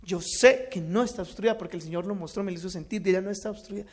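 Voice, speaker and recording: A man gives an earnest religious testimony, shifting between loud and hushed. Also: high voice, fast. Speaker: speaker giving a testimony.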